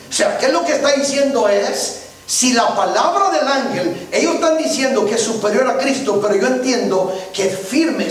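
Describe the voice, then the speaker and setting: A male pastor delivers his sermon in an unusually high voice, often pausing to ask whether his listeners follow. He stands well back from the microphone. His words ring through a heavily echoing church. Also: slight background noise. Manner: preaching, often checks in with listeners. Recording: very echoey church from far off.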